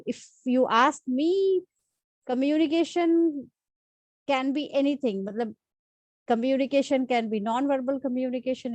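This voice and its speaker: A woman with a high, somewhat mellow voice, recorded with no echo, hosts a casual, unscripted tips lesson for her channel, talking straight to camera. She's from India, speaks with an Indian accent, grew up with Hindi and Urdu as first languages, and often uses fillers and restarts.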